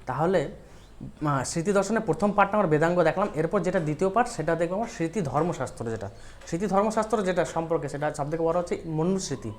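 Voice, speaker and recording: A woman's voice: fairly low pitch, animated, fast talker, darkish tone. A woman teacher with a Bengali accent giving an exam-prep history lecture, explaining step by step and often checking with questions.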